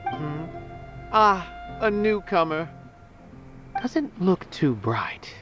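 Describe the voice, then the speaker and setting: A haughty, condescending aesthete in a video game. The delivery is measured and musing, with dramatic rises and falls over faint music. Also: female voice, fairly low pitch, sing-song, exaggerated voice. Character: aloof, condescending theater-dwelling aesthete, musing on art.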